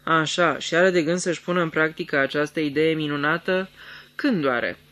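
Icy scheming lord voiced by a man, commanding, prone to thundering rage, radio theatre reading, somewhat high pitch. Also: bright, forceful tone. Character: cold, scheming young English lord, quick to rage.

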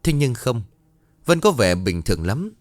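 A man narrating a scripted ghost story with a measured storytelling cadence. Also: medium pitch, sing-song, no echo.

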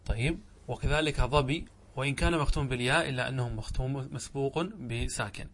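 A man's voice: medium pitch, fast talker, fairly bright tone. A man giving a classroom grammar lecture, repeating examples and quizzing his students. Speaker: teacher of Arabic grammar.

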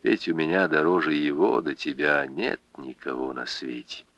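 A man voicing a departing soldier's tender farewell letter in an audiobook, soft and low. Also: expressive, moderate pace, dry recording, muffled recording, heavily acted.

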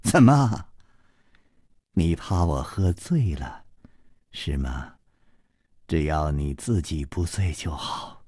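A man voicing a coy, husky young woman. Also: very deep voice, expressive, takes it slowly, pauses often, no room sound, clean studio sound, pitched below the performer's own voice, heavily acted. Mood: teasing. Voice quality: soft, husky and hushed, often near a whisper. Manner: teasing, coy.

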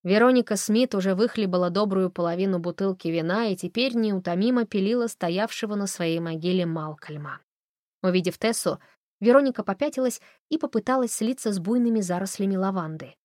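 A woman reading an audiobook in an even, expressive storytelling voice. Her voice sits in a middle pitch and is recorded close and dry, with no room sound. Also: a little fast, no room sound. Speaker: audiobook narrator. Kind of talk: audiobook narration.

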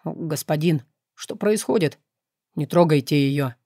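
A woman's voice: low voice, a little slow, mellow, dry recording. An anxious male demon servant, voiced by a woman narrator in a storybook reading. He sounds strained and pleading, slightly distant from the mic, in a dry, close recording.

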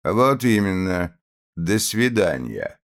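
A man's voice: lowish voice, very animated, slow pace, pitched above the performer's own voice, exaggerated voice. Man doing a sneering young police officer. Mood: contemptuous. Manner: curt, sneering, commanding.

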